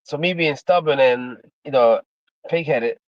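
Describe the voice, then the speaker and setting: This livestreamer is a Miami, Florida, USA man in his fifties who used to fight in MMA. He talks casually and repetitively to viewers, wandering off topic and saying "man" and "you know" a lot, in a medium-pitched voice that is a little slow, with muffled audio and no room sound.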